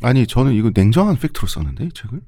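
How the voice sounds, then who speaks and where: A man's voice: medium pitch, big pitch swings, rapid-fire, mellow, no echo, studio quality. A man with slushy, lisping s sounds, telling history conversationally as a podcast host and explaining things with everyday examples.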